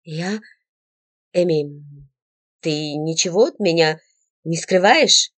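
A woman's voice: low voice, slow, a bit bright, dry recording, pitched below the performer's own voice, exaggerated voice. A woman voicing a young man who talks hesitantly, then earnestly. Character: young man, frightened but devoted. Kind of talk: audiobook character voice.

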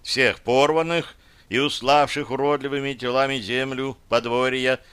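A man voicing a cool-headed dark mage who speaks in a measured, matter-of-fact way in an audiobook. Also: medium pitch, fairly even intonation, clear, resonant tone, no room sound, close to an everyday voice. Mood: grave. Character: calm dark magister, grave and secretive man.

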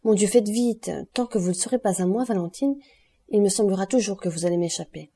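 A woman's voice: mid-range voice, a little fast, dark tone, breathy edge. A woman voicing an anxious young male officer in an audiobook, pleading and fretful. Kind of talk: audiobook reading.

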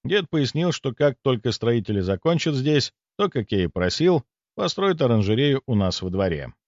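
A man narrating a fantasy audiobook in the first person, expressive and storytelling. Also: medium pitch, moderate pace, no echo, highs cut off.

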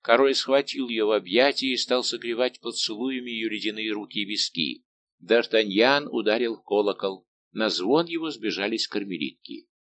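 A man narrating an audiobook in a steady, measured reading. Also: medium pitch, slight background noise. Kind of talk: scripted narration.

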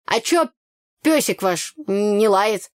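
A woman's voice: mid-range voice, lively intonation, slow pace, clear, resonant tone, dry recording, studio quality. A woman voicing a brash, gossipy young village woman who talks bluntly in slang.

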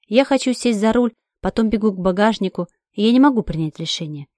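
Woman, mid-pitched, emotional first-person audiobook narration, dry close sound. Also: expressive, a little fast, darkish tone, no room sound. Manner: emotional, urgent storytelling.

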